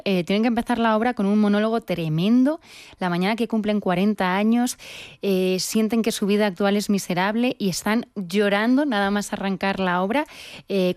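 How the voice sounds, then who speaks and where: A woman radio host interviewing a guest, asking lively questions with some humor. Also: medium pitch, no room sound, clean studio sound.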